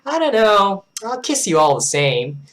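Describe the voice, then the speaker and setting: A man doing a friendly young woman on a dinner date, pitched well up with a bouncy, swooping lilt. She is cheerful and teasing, a storybook reading voice. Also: big pitch swings, unhurried, a bit bright, exaggerated voice.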